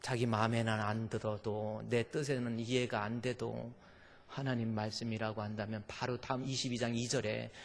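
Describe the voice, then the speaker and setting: A man pastor preaching a sermon in a church, swinging from soft murmurs to shouted cries, with repeated refrains. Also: medium pitch, level tone, moderate pace. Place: church sanctuary. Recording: long reverb of a church hall.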